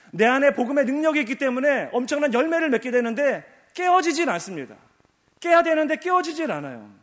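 A man's voice: very high voice, fairly bright tone, big-room sound. A male pastor preaching a sermon, emphatic and repetitive, asking rhetorical questions, in a church sanctuary.

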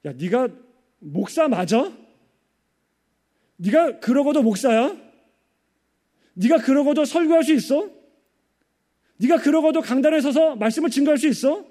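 A man's voice: very high-pitched, lively intonation, unhurried, pauses often, mellow, pitched above the performer's own voice. A male preacher voicing Satan, who badgers a pastor with scornful accusing questions.

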